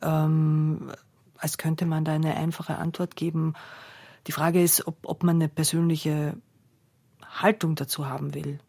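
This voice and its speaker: A woman's voice: sits low, flat delivery, measured pace, vocal fry, warm tone. A woman interviewer asking reflective questions and sharing her own views in conversation.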